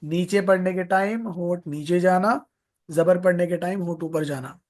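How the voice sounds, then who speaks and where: A man with a high-pitched, steady voice teaches Quran recitation at a moderate pace in a live online class. It's a slow, drilled tajweed lesson where he repeats every word several times, draws out the long vowels and blends English teaching terms into his speech.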